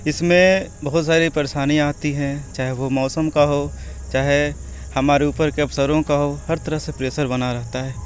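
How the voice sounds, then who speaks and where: A man's voice: a little high, steady tone, normal speed, slight background noise. A man from Bihar, a railway employee, answering interview questions hesitantly while searching for words. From Bihar, India.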